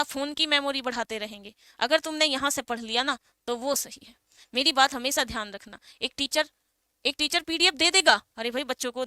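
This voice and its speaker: Woman, teacher, exam-prep lecture; high pitched, dry close sound, asks and answers her own questions. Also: bright, forceful tone, dry recording. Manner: explains with rhetorical questions, calls students beta and bhai. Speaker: Hindi teacher.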